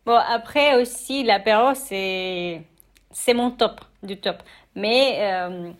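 A woman's voice: medium pitch, takes it slowly. A young adult woman from Mexico with a Mexican Spanish accent, telling her story as an interview guest, hesitant with many fillers and restarts. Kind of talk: interview testimony.

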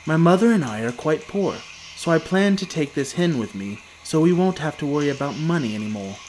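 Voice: medium pitch, animated, fairly quick, darkish tone, a little hiss or hum, close to an everyday voice. A storyteller voicing a poor, plucky young village boy in a children's story. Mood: earnest.

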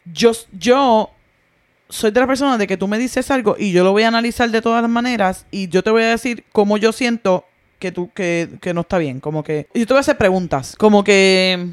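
A woman's voice: medium pitch, a little fast. A woman co-hosting a podcast in casual chat, who talks through examples and questions things. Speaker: podcast co-host.

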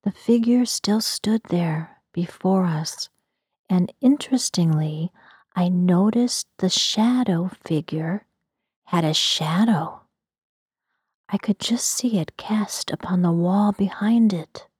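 A woman tells a first-person story in a soft, hushed whisper made for ASMR. Her delivery is slow and mellow, with a breathy edge. The recording is close and dry. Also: lowish voice, no room sound. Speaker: narrator.

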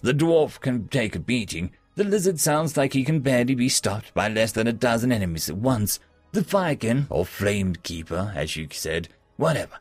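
A man voicing a curious, probing woman innkeeper in a story, asking in an inquisitive, halting way. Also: mid-range voice, no echo.

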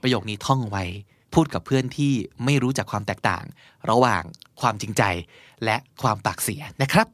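A man hosting a podcast, explaining English phrases in a casual, animated way and acting out short examples. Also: medium pitch, brisk, no room sound. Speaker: podcast host teaching English.

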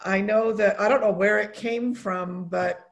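A middle-aged woman hosting a conversational talk, speaking haltingly and repeating words and phrases for emphasis. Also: medium pitch, steady tone. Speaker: host of a mothers' prayer group talk. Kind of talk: warm conversational talk with closing reflections.

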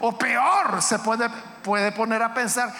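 A man preaching in a very high, bright, forceful voice, climbing into shouts as he urges his listeners on. He is heard through the long reverb of a church hall. A faint noise sits behind him. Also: slow. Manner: impassioned preaching, rising to shouts. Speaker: pastor. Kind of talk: sermon.

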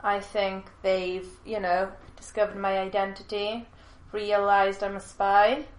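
A woman co-hosting a casual podcast chat, talkative and quick to laugh. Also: mid-range voice, little pitch movement. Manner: chatty, laughs often. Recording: echoey room.

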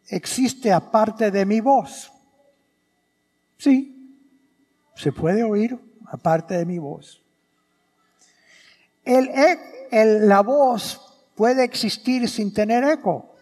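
Husky-voiced man preaching a sermon. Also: high voice, darkish tone. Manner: repeats key phrases, asks the congregation questions. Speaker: priest. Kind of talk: sermon at Mass. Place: church during Mass. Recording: long reverb of a church hall.

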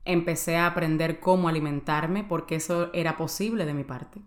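A woman's voice: low voice, fairly even intonation, normal speed, reverberant. A woman hosting a podcast, sharing a personal testimony in an earnest, confiding way and speaking directly to the listener. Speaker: podcast host.

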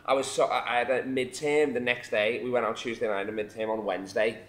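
A man's voice: mid-range voice, fairly even intonation, fairly quick, fairly bright tone, echoey room. A man in his twenties hosting a podcast, telling crude stories with lots of swearing and laughing. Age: 20s. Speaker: podcast host. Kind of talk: casual chat.

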